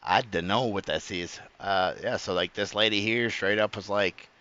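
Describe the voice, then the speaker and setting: A man's voice: on the low side, moderate pace, bright, forceful tone, dull audio. A man giving casual, rambling reaction commentary, often stopping to correct himself and swearing freely. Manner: rambling, self-correcting, profane. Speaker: streamer reacting to clips.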